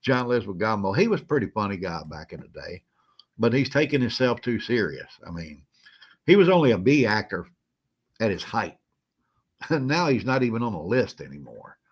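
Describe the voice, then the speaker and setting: A man's voice: on the low side, sing-song, moderate pace, breathy edge. A man hosting a casual live stream, greeting viewers by name in a folksy, chuckling way while feeling a little unwell. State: feeling unwell, moving slow.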